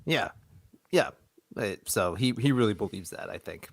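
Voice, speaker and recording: Animated sarcastic man on a podcast. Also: normal speed, gravelly, dry recording. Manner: animated, sarcastic, jumps into high exclaims. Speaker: podcast co-host. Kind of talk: casual chat.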